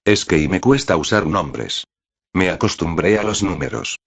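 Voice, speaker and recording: A man reading the part of a shy young woman who speaks softly and hesitantly. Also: deep voice, normal speed, vocal fry, slightly rough, no echo, full character voice. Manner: soft, hesitant.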